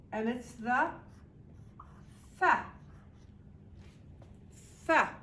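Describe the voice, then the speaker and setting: A woman's voice: high voice, a bit bright, a little hiss or hum. A woman teaching a beginner language lesson in a classroom, patient and encouraging, repeating sounds and praising often. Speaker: Arabic teacher. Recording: echoey room, distant mic, faint ambience.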